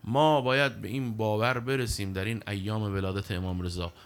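A middle-aged man preaching a sermon in an animated, emphatic way, reciting scripture passages between his own explanations. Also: lowish voice.

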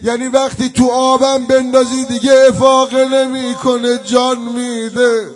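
Male preacher with a high voice, emotional mourning sermon that slips into plaintive chant, faint music behind. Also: level tone.

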